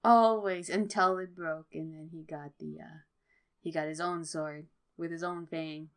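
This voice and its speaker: A woman's voice: sits low, steady tone, a little slow, clear, resonant tone. A woman co-hosting a podcast, explaining things in casual chat and laughing easily. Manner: explanatory, giggly. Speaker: podcast co-host.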